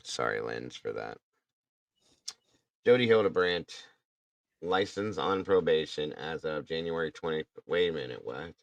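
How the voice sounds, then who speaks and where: A man's voice: very deep voice, lively intonation, measured pace, vocal fry, pauses often, no room sound, lo-fi sound. A man hosting a casual true crime talk, blunt and indignant, swearing now and then. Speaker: true crime podcast host. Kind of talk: casual chat.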